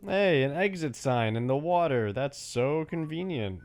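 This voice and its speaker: A man co-hosting a casual gaming chat, relaxed and upbeat in his remarks. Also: a little high, a little slow. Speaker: co-host.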